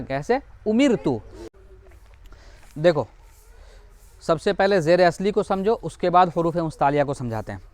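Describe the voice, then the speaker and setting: A man's voice: high voice, dry recording. A man teaching a Quran reading lesson in a classroom style, explaining patiently, repeating each example and answering his own questions. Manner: drawls out example words slowly to model pronunciation.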